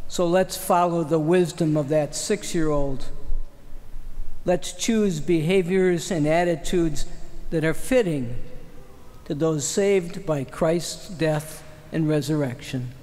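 Slow, high-voiced older priest preaching. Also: male voice, darkish tone. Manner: measured preaching cadence. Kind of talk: homily and liturgy. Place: large church, at a lectern. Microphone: podium microphone. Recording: long church reverb.

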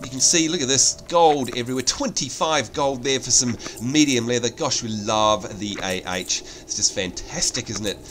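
A man's voice: mid-range voice, moderate pace, hardly any pauses, a bit bright, a little hiss or hum. An Australian man with hay fever congestion, sounding nasal as if his nose is pinched, chattily explaining things to viewers in casual gameplay commentary. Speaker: let's play video host.

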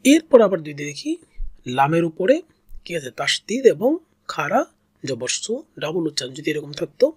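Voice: medium pitch, very animated, normal speed, slightly rough, no echo. A reading teacher in a step-by-step lesson, sounding out syllables one at a time, repeating each and drawing out the long vowels. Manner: patient, repeats each syllable several times.

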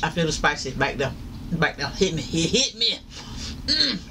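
A woman's voice: low-pitched, big pitch swings, moderate pace, far from the mic. Woman, chewing through a taste test, drawling mm-hmms, mic away from her, noisy room. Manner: casual, drawling, lots of mm-hmms. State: chewing while talking. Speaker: food vlogger. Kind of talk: mukbang snack review.

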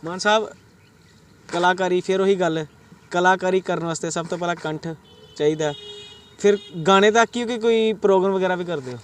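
Fast, high-voiced reporter. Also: male voice, slight background noise. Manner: eager, promotional, urging viewers. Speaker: reporter, interviewer. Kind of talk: web news interview.

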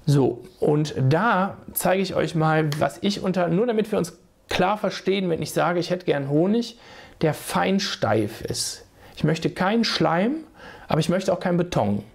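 Hoarse from a cold, a man in his forties sits at a desk webcam in a small home room and casually explains beekeeping in a how-to video. His voice is on the high side with vocal fry and a slightly mellow tone. He's chatty, restarts sentences and speaks directly to viewers.

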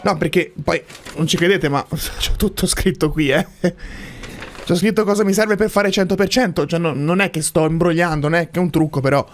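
High-voiced man commentating a game. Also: normal speed, a little hiss or hum. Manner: playful, talks to game characters and viewers. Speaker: gaming streamer. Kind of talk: casual video game commentary. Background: game music.

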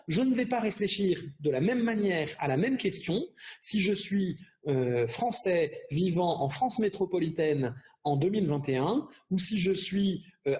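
Middle-aged male program director, open-day talk over slides, explanatory and measured, frequent hesitations and restarts. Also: sits high, a little mellow. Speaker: program director presenting a prep course.

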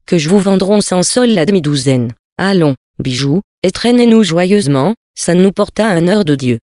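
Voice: medium pitch, animated, moderate pace, dark tone, dry recording, close to an everyday voice. A reader voicing a coarse, bold fishwife who haggles and teases in slangy, brash speech, recorded dry. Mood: coaxing.

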